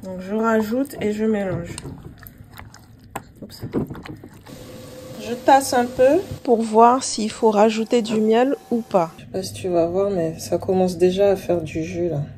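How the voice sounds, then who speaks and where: A woman vlogger talks the viewer through a homemade remedy to camera, chatting directly and casually like a friend. Her mid-range voice is steady and unhurried, with some background noise in the recording.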